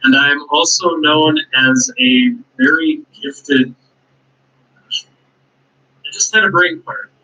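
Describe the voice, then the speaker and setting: Young guy chatting, bright lively voice, lots of ums, kinda muffled audio. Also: fairly high pitch, slow pace, pauses often. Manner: hesitant, lists his talents with fillers. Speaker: guest. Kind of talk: casual interview chat. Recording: dull lo-fi audio.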